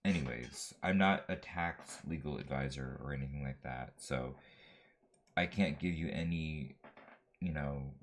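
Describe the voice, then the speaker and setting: A man's voice: rumbling low, measured pace. A man casually chatting about his drawing, rambling with lots of fillers and restarts. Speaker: vlogger.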